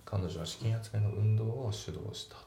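A man teaching English grammar and pronunciation in a calm, methodical way, reading example sentences slowly. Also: fairly low pitch, vocal fry. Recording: echoey room with faint background noise.

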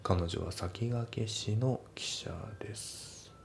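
A man tutoring for an English test, explaining each answer and its pronunciation step by step in a relaxed, casual way. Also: on the low side, slow, vocal fry, a little hiss or hum.

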